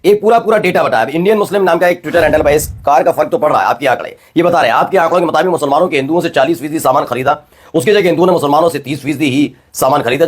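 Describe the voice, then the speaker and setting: A man delivers political news commentary at a rapid clip, his voice a touch husky and pitched a little high. He keeps turning to the viewer with rhetorical prompts. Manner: fast, rhetorical, addressing viewers directly.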